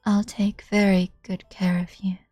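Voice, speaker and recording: A woman's voice: medium pitch, flat delivery, unhurried, warm tone, dry recording, faint music behind, natural voice. Woman doing a sneering cruel young woman. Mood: gleeful. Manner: taunting, sneering, laughing. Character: cruel mocking young woman, gleefully sadistic. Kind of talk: reading a visual novel aloud.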